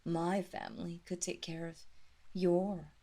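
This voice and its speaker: A woman voices a seductive, commanding vampire mistress in an intimate roleplay audio drama, speaking softly and deliberately in breathy half-whispers. Her lowish, flat delivery carries hypnotic, teasing condescension with a gently manipulative edge.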